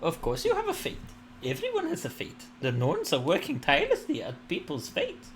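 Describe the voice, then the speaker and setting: A man voicing a gracious, gentle earth and fertility goddess in a tabletop role-play, speaking in formal, questioning phrases. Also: sits high, huge pitch swings, normal speed, slight background noise, pitched above the performer's own voice. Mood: knowing, insistent.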